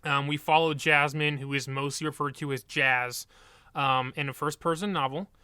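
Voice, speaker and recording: Bright-voiced man reviewing books. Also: fairly high pitch, normal speed, clear, resonant tone, no room sound, studio quality. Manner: relaxed, self-correcting, summarizes plots. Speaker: podcast co-host. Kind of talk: casual book review chat.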